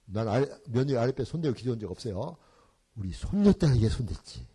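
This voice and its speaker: An older man, a church elder, giving a parenting seminar and telling family stories with animated, acted-out scenes and English phrases mixed in. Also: medium pitch, quick pace, breathy edge. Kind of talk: seminar talk with storytelling.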